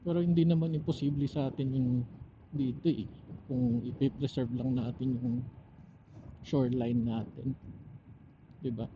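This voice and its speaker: On a motorcycle ride, this Filipino-accented angler and motovlogger offers a rambling, reflective solo chat, breaking off mid-thought now and then. He speaks at medium pitch with fairly even intonation, and the helmet intercom audio is dull with slight noise.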